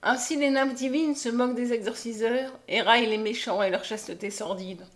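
Woman reading a literary audiobook. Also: a little high. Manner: measured, expressive reading. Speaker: audiobook reader.

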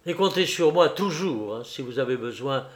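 A man voicing a kindly older male judge who speaks in a soft, reassuring, measured way. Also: mid-range voice, expressive, close to an everyday voice. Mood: gentle.

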